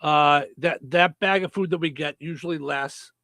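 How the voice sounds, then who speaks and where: A man's voice: on the high side, moderate pace, bright, forceful tone, dry recording. A man hosting a radio show in a casual, chatty style. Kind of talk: casual radio banter and phone-in quiz.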